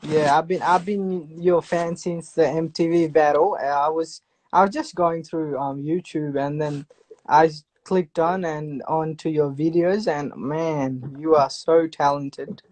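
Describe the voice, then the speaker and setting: A man's voice: on the high side, fairly even intonation, a little slow, a little mellow. A man originally from Nepal calling in to a live stream as an eager fan. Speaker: caller, fan. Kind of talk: casual call-in chat.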